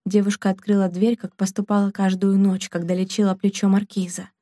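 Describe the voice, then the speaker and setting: Female audiobook narrator, calm even reading, mellow dry sound. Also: medium pitch, brisk, no room sound. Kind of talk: scripted narration.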